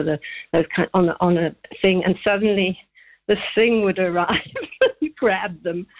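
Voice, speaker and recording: A woman in her seventies from Zambia, calling in to a radio show and telling a childhood memory with frequent laughter. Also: medium pitch. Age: 70s. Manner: chatty, laughing often, rambling memories. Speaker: caller. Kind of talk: phone-in chat. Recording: tinny phone line.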